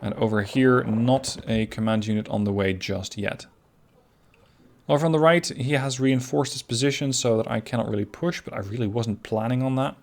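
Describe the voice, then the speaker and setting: Relaxed man commentating a strategy game replay. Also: mid-range voice, moderate pace, vocal fry. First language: not Finnish. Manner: relaxed, analytical, self-critical. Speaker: gameplay commentator.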